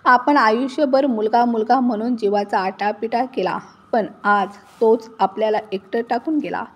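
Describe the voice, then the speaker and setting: A woman's voice: on the high side, moderate pace, lo-fi sound. A woman voicing a stern but loving father-in-law in his sixties, speaking firmly in a told story. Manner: firm, commanding.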